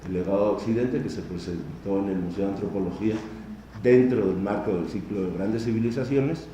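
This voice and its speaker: Heard from far off in a big hall full of reverb and faint hiss, this conference lecture comes from a middle-aged Spanish man with a low, mellow voice and a Spanish accent. He explains things at a measured pace, turning now and then to speak straight to his listeners.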